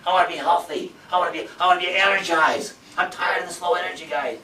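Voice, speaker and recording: A man in his fifties gives a motivational seminar talk, speaking fast in a bright, forceful, high-sitting voice. He is emphatic and repetitive, packing in rhetorical questions. The recording sounds roomy and distant, with faint background noise.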